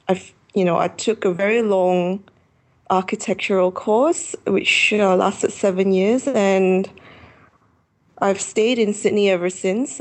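A woman in her thirties from Malaysia, a travel author answering interview questions from her apartment and pausing often with fillers. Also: fairly low pitch. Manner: hesitant, many pauses and fillers.

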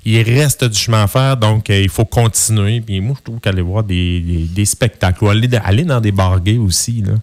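A man's voice: on the low side, moderate pace, few pauses, darkish tone. A man with a Quebec French accent chatting casually on air as a co-host, in a colloquial, enthusiastic way. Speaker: radio show co-host.

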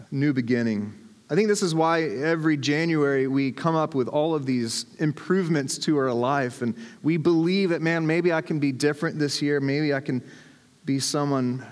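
A man preaching a sermon with a relaxed storytelling manner and self-deprecating humor. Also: mid-range voice. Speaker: pastor. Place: church sanctuary. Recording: long hall reverb.

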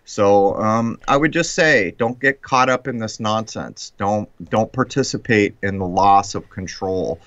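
American man, low voice, muffled echoey audio. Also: a little slow, few pauses, a bit bright. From United States. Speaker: live stream host. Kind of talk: casual talk commentary. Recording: muffled, echoey live-stream call audio.

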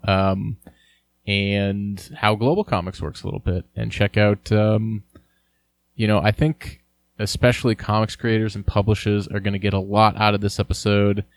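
A man hosting a podcast, introducing his guest in a relaxed, friendly way with some fillers. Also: on the low side, dry recording. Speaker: podcast host. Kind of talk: casual podcast intro and interview.

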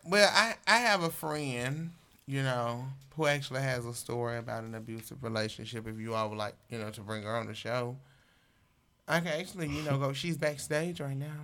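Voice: mid-range voice, fairly quick, sharp tone. A host of a comedy sketch, hesitant and full of fillers as they set up a guest. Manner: hesitant, filler-heavy setup.

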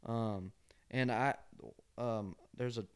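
As a guest in an interview, a Georgia-born country singer-songwriter chats in a relaxed, folksy way, often closing phrases with "man." He has a Southern accent with a nasal twang, and his medium-pitched voice is clear and resonant, slow, with fairly even intonation.

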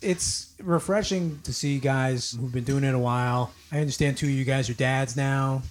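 A man's voice: medium pitch, fairly even intonation, normal speed. A man hosting a podcast interview in a restaurant, joking and chatty. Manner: jokey, chatty. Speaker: podcast host. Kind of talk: casual interview.

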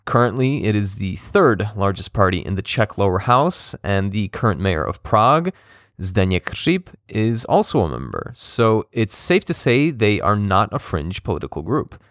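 A man's voice: fairly low pitch, sing-song, normal speed, a bit bright, no room sound, clean studio sound. A man hosting a podcast, reading a scripted introduction in a conversational, lightly joking way. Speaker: podcast host.

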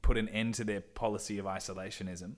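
A man hosting a casual podcast, talking in an articulate, opinionated and animated way. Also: fairly low pitch, fast talker. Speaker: podcast host.

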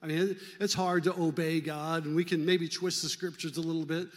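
A male pastor preaching a fervent sermon in a church, urging the congregation to clap and shout. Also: a little high, little pitch movement, fairly quick, in a large hall. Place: church sanctuary.

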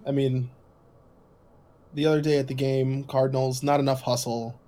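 A man co-hosting a podcast in casual chat, joking and teasing with quick quips. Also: mid-range voice, level tone, dark tone. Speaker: podcast co-host.

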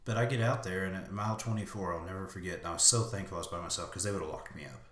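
Low-voiced dude hosting, lively storyteller, echoey room sound. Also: male voice, rapid-fire. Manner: lively, shouting during reenacted self-talk. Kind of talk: casual storytelling chat. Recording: roomy echo.

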